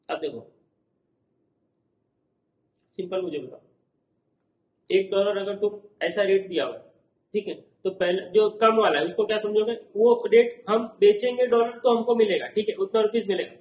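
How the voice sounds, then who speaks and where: A man's voice: high-pitched, measured pace, long pauses, echoey room, rough recording. A man with an Indian accent teaching a recorded lecture, explaining with everyday examples and checking that the class follows.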